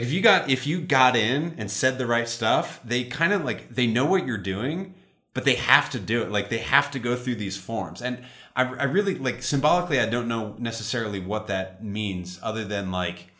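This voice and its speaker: A man's voice: mid-range voice, moderate pace, pushed and bright, reverberant. A man casually explaining ancient mythology in conversation, thoughtful and full of "like". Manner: thoughtful, adds context, frequent "like".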